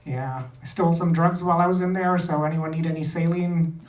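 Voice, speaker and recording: Fairly quick and steady in tone, this high-voiced man from India does stand-up before an audience in a small theater. He speaks in short, dry, self-deprecating phrases, captured by a distant mic in an echoey, noisy room.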